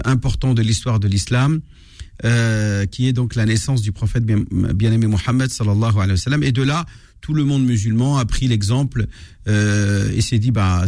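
A man's voice: medium pitch, a little mellow, no echo, clean studio sound. A man, an imam explaining religion in a live radio discussion, hesitant and searching for words. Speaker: imam, regular radio guest.

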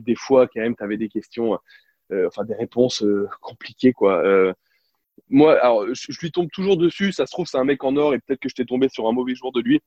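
A French man telling lively anecdotes in a casual interview, with lots of fillers and restarts. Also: medium pitch, no echo, highs cut off. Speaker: guest, former basketball reporter.

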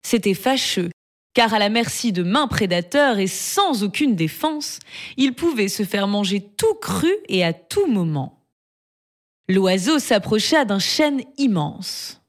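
Expressive woman telling a fairy tale. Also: mid-range voice, slow pace. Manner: expressive, lively reading. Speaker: storyteller. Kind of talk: storybook narration. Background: background music.

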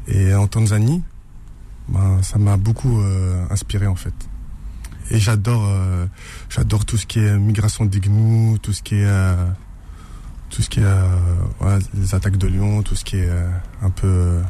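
A low, mellow male voice from France, talking as an interview guest. He speaks haltingly, pausing on fillers and restarting his sentences. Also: a little hiss or hum. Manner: hesitant, many fillers and restarts. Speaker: author guest. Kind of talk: radio interview.

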